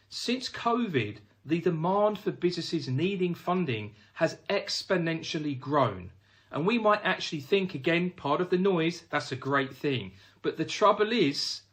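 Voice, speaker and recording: Male finance trainer with a slightly higher voice and animated intonation, emphatic, talks to viewers directly. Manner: emphatic, addresses viewers as "guys". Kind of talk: direct-to-camera instructional talk.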